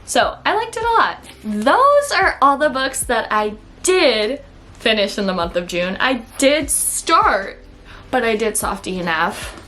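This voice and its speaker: A woman's voice: fairly high pitch, sing-song, unhurried, sharp tone. Chatty woman with a Minnesota accent. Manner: chatty, fills talk with "like" and "okay?". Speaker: book reviewer. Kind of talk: casual monthly reading wrap-up.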